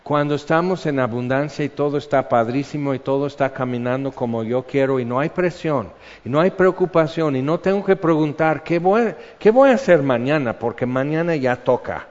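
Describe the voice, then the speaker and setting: A Mexican-accented man teaching the Bible in a sermon, talking to his listeners in a loose, chatty way. His voice sits at an ordinary middle pitch. The recording sounds muffled and dull, with a long reverb trailing through a large hall. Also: brisk, hardly any pauses. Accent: Mexican Spanish. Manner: chatty and explanatory, often checks in with "ok". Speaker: preacher.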